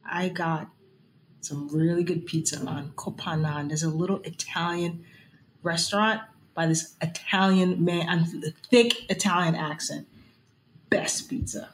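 A woman hosting a casual chat, bubbly and quick to laugh. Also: on the low side, fairly even intonation, roomy sound, slight background noise, low-quality recording. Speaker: host.

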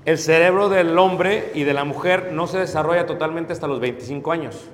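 A man preaching a sermon on marriage to a congregation, acting out husband and wife exchanges with lively voices and asking the audience to agree. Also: a little high, brisk, a little hiss or hum. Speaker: pastor. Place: church hall. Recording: echoey hall with long reverb.

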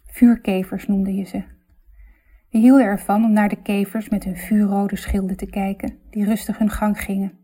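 A woman narrating a literary story in a reflective, measured, intimate way. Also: mid-range voice, level tone, warm tone.

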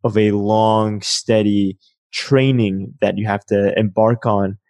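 A man's voice: lowish voice, fairly even intonation, slow pace, darkish tone, no echo. A man hosting an interview podcast, asking reflective questions about the voice and building on the guest's points. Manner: thoughtful, asks reflective questions. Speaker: podcast host. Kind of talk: interview conversation.

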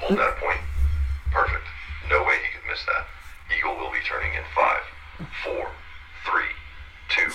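A man's voice: a bass voice, steady tone, unhurried, pauses often, sharp tone, full character voice. A man voicing a male security agent who calls out clipped, mock-serious orders as radio dispatch chatter, played from a video clip. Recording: roomy, distant, music under it. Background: music.

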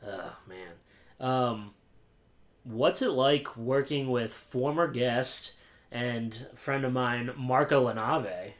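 A young man from Pennsylvania hosts a podcast, keeping it informal and laid-back. His voice sits in the mid-range and he speaks slowly.

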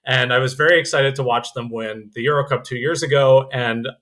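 A young man with an American accent chats casually as a guest on a podcast. His voice is bright and forward, at a middle pitch, and he often stops on a filler as he thinks. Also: steady tone, a little fast. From United States. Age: young adult. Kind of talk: casual chat.

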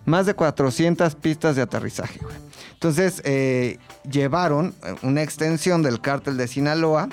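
A man's voice: a little high, moderate pace, faint music behind. A Mexican man chatting casually on a podcast, telling a story in heavy slang. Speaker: podcast host. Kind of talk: casual chat.

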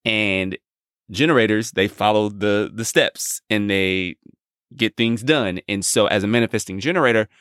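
A man co-hosting a podcast, with a very low voice that is smooth and resonant. He explains calmly and reflectively in relaxed chat, heard dry and close with no room echo. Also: moderate pace. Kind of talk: casual chat.

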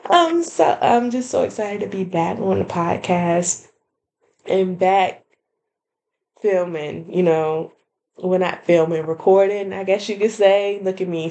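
A woman hosting her own podcast, chatting casually and excitedly to her listeners with lots of fillers and laughter. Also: lowish voice, vocal fry. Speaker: podcast host. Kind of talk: casual solo podcast update.

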